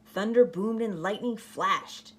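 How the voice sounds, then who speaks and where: Speaking slowly at medium pitch, a woman acts as a storytime teacher, reading a storybook aloud. She also demonstrates a craft casually, explaining the process in an instructive, step-by-step way.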